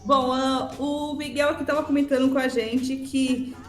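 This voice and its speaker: Female interpreter, high voice, fast Portuguese summaries, roomy echo. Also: level tone, faint music behind. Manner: relays answers in quick Portuguese summaries with frequent "uhum". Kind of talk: live interpreting between Portuguese and English.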